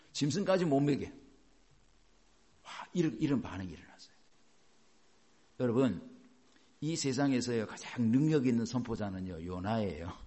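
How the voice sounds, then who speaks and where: A man preaching a sermon in an animated way, asking rhetorical questions and chuckling as he goes. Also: medium pitch. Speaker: pastor.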